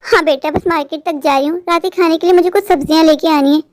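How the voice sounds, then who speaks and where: In a cartoon, a woman voices a fussy, loving mother bird who dotes on her son and dreads being alone. She speaks at a very high pitch with a steady tone and quick pace, sounding a little mellow. The close, dry recording has no echo.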